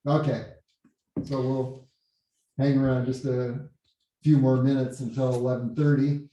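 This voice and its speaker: In a meeting room with windows and blinds, a host chats casually and haltingly, frequently repeating a word before continuing, in a mellow, level-toned voice. Being far from the computer mic in such a reverberant space gives him a hollow, cave-like echo, as if talking inside a hole, and the audio comes across dull.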